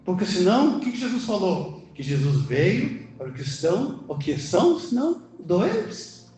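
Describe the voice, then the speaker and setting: In a very echoey church hall with music playing behind him, a middle-aged Brazilian-accented preacher and church elder delivers a conversational sermon during an indoor service. He poses questions emphatically and answers them himself, his high, slightly mellow voice very animated at normal speed.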